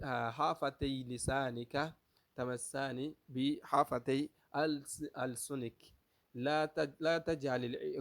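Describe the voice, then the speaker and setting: A man teaching Arabic pronunciation, who repeats each letter sound aloud several times, asks the class if they follow, and switches between English and Arabic. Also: mid-range voice. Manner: asks the class rhetorical checks. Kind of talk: pronunciation lesson.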